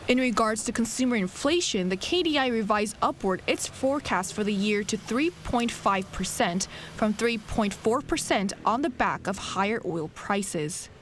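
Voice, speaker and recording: A woman news reporter delivering a scripted report in a steady, deliberate way. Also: mid-range voice. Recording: faint background noise.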